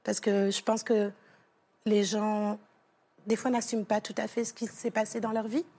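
Her voice is warm with a breathy edge, medium in pitch, barely moving in intonation, and paced normally. The French woman is a guest on a TV studio talk show, relating an emotional personal story in a rambling way full of fillers and restarts.

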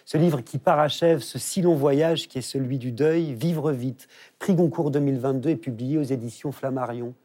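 A man hosting a literary talk show, asking questions in a measured, courteous way. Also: mid-range voice, dark tone. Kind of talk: studio interview.

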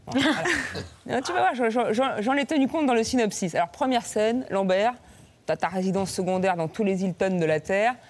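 A woman's voice: medium pitch, normal speed, a little mellow, slight background noise. Playful woman doing a comic TV column. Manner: playful, bursts into sung lines and silly voices. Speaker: comic columnist on a TV talk show. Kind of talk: comic sketch with snatches of song. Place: TV studio.

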